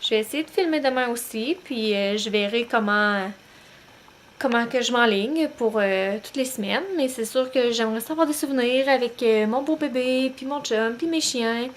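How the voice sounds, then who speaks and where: A young woman with a Québécois French accent talking casually to camera at home as a new-mom vlogger, relaxed and full of hesitant pauses. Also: on the high side. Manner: chatty, many "euh" pauses, relaxed. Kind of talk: casual vlog talk to camera. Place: home, bedroom at night.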